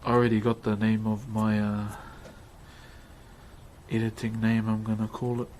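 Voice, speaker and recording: A man with a broad New Zealand accent hosts a livestream, chatting casually and matily with viewers while he carves. His lowish voice is a little mellow and his delivery flat at a moderate pace, with clearly noisy ambience behind him.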